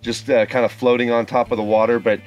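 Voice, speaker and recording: A man in his thirties chatting casually outdoors by a lake, relaxed and rambling with plenty of fillers, recorded on a camera mic. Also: medium pitch, quick pace, faint music behind. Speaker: outdoor photography vlogger. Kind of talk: casual on-location vlog talk.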